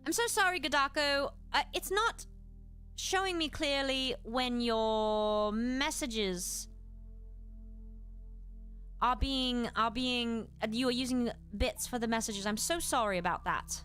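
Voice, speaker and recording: This streamer's voice sits on the high side, bright and smooth, and she takes her time. Using an affected British accent, she hosts a livestreamed lesson with chat replies, explaining graciously and politely as faint music plays.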